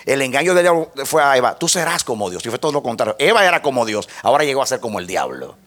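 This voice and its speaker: A man's voice: mid-range voice, sing-song, very fast, a bit bright. A man preaching a sermon, teaching step by step and asking the congregation to repeat phrases after him. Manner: spells out points step by step like a lesson.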